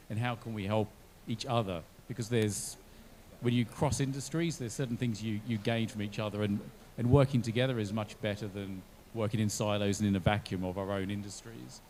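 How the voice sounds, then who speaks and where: His voice is lowish and slightly mellow, with a bit of hiss or hum on the recording. Speaking as a blockchain company panelist in an online discussion, he works through ideas out loud, frequently starting sentences over.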